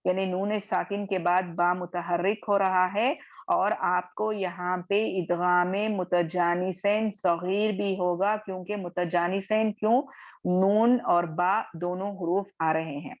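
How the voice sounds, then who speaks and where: A woman teaches a recitation class over a video call, speaking very slowly and patiently. She draws out each example word and repeats it. Her voice sits a little low and the call audio sounds dull. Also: steady tone. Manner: slow drawn-out recitation of examples. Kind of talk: online class lesson.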